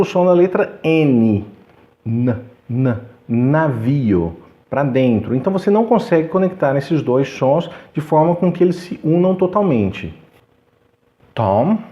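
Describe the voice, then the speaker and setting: A man with a Brazilian Portuguese accent gives a scripted English pronunciation lesson, explaining clearly and slowing down to model the sounds. His voice is fairly high, and the recording is muffled.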